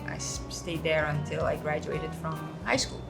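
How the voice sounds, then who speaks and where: A woman's voice: low voice, moderate pace, gravelly, low-quality recording. Chatty woman over guitar music. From Suriname. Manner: relaxed, storytelling, frequent ums and uhs. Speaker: guest. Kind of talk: casual interview chat. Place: cafe.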